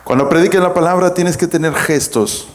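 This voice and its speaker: This pastor speaks briskly in a slightly high voice, marked by a Peruvian Spanish accent. His sermon to the congregation is emphatic teaching, his voice rising and falling as he calls out to the room.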